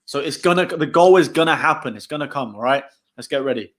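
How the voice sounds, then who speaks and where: A young man from England hosting a live football watchalong, chatting casually and getting excited about the game. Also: a little high, quick pace. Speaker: channel host.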